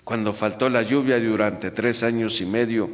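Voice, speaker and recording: A man, a priest, proclaiming the Gospel at Mass in a slow, measured way, his voice ringing through a large church's cathedral echo. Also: fairly low pitch, steady tone. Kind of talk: liturgical Gospel reading at Mass. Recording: long church reverb.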